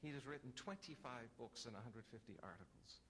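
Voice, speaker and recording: A man moderating an academic panel, introducing the speakers with dry, wry humor and a measured delivery, then starting his own talk. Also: mid-range voice, lively intonation, fairly bright tone. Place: conference room. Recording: reverberant hall, faint ambient noise.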